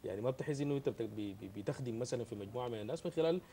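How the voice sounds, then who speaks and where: Brisk mellow Sudanese interviewer. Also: male voice, mid-range voice, slight background noise. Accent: Sudanese Arabic. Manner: keeps up a steady stream of short acknowledgements. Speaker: host. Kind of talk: interview on a talk show.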